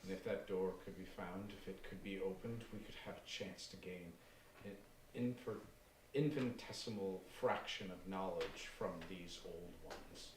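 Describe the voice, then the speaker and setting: A man playing a calm, grandiose cult leader who speaks softly and with chilling composure. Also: low-pitched, normal speed, close to an everyday voice. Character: calm, menacing middle-aged male cult leader. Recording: roomy and distant with faint noise.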